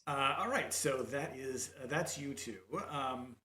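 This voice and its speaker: A man running a tabletop game as game master, talking in halting bursts full of fillers and restarts. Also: mid-range voice, sharp tone, reverberant.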